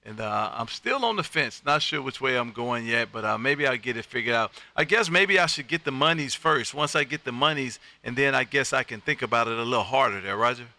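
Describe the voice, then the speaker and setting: Hosting a ham radio livestream, an American man keeps up casual, folksy, effusive chatter dotted with friendly address. His medium-pitched voice is expressive, pushed, and bright, moving briskly with hardly any pauses.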